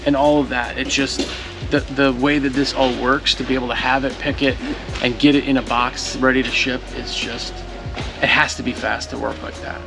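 Gravelly-voiced man chatting casually. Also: mid-range voice, moderate pace, music in the background. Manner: relaxed, conversational. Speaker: co-host, company employee. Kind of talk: casual chat. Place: large warehouse.

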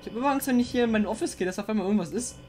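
A woman playing a horror game and commenting, jumpy and excitable, often swearing and coaxing the monster on screen. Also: a little high, very fast, faint music behind. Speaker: let's player.

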